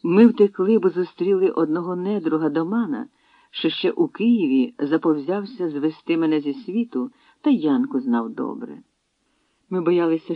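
A man's voice: a little high, no room sound. Male reader doing an emotional young fugitive warrior, earnest and raised; phone-like sound. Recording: tinny phone-like dry sound.

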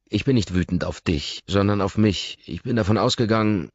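A man's voice: on the low side, a little fast, no echo, dull audio, voice pushed up, natural voice. A man voicing an intense, controlling rich young man, with a pressing, urgent way of talking in an audiobook reading. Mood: pressing, agitated.

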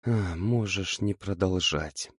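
Man doing a quiet weary young witch. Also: medium pitch, animated, no room sound, studio quality, pitched above the performer's own voice. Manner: quiet, slow, subdued. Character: weary young witch girl, cold and subdued.

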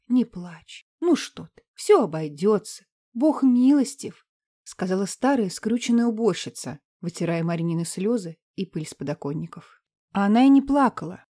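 A woman reading a novel aloud in a calm, measured and subdued manner. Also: medium pitch, no echo, studio quality. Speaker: audiobook narrator. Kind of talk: scripted narration.

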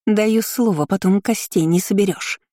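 A woman's voice: mid-range voice, normal speed, mellow, dry recording, studio quality, lightly acted. A woman reading an audiobook voices a spiteful, haughty young noblewoman who speaks with open contempt. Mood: threatening. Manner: sneering, contemptuous. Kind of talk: audiobook character voicing.

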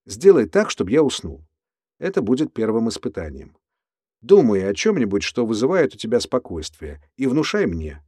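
A man's voice: mid-range voice, huge pitch swings, normal speed, slightly rough, no echo. Male narrator doing an erratic prison cellmate, audiobook, preachy and volatile, dry booth sound. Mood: lecturing. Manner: lecturing, then erupting into shouts. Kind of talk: audiobook character voice.

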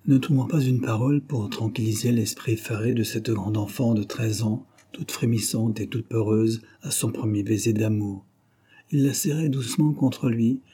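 A man narrates a classic novel as an audiobook. His reading is measured and expressive. His voice sounds mellow and warm, with a husky edge and a middle pitch.

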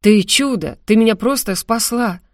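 A woman's voice: on the high side, moderate pace, dry recording, studio quality, lightly acted. Woman voicing a breezy young man. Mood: grateful. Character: young male student, breezy and pushy.

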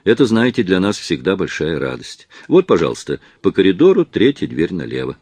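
Effusive old theatre actor, voiced by a man, low and lively. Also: fairly quick, breathy edge, no room sound, full character voice. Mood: polite. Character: older stout actor, fussy and polite.

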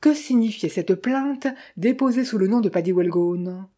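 A woman's voice: mid-range voice, moderate pace, dark tone, natural voice. A woman voicing a tense young man posing as a detective, speaking curtly in a storybook reading. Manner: curt, clipped, through clenched teeth.

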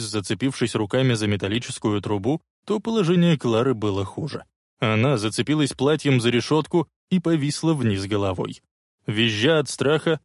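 A man narrating an audiobook with expressive storytelling delivery. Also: mid-range voice, no echo, clean studio sound. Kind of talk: dramatic audiobook reading.

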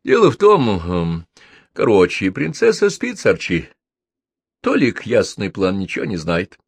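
A man's voice: lowish voice, wildly swooping pitch, a little slow, vocal fry, breathy edge, no echo, full character voice. A man reading aloud and voicing a young man sharing gossip, hesitating as he confides it.

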